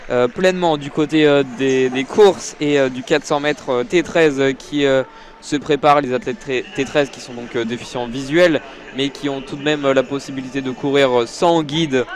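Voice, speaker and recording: A man giving live audio-described athletics commentary from a stadium, hesitant with many fillers, rising when excited. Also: mid-range voice, normal speed, a little hiss or hum. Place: outdoor stadium.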